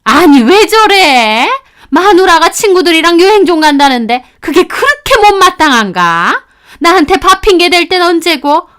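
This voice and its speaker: A woman's voice: very high-pitched, big pitch swings, moderate pace, a bit bright, heavily acted. A woman voicing a nagging, domineering older mother-in-law who scolds her daughter-in-law. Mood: scolding. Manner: scolding, contemptuous. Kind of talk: storytelling radio acting.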